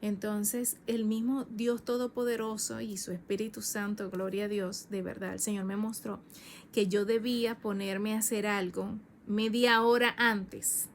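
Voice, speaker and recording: A woman evangelist in her thirties giving a fervent personal testimony, repeating phrases and rising high in pitch when emotional. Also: level tone, unhurried, a little hiss or hum.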